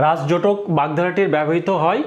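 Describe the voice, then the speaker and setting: A male teacher giving an exam prep lecture, asking questions and answering them himself, repeating key answers slowly. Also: on the high side.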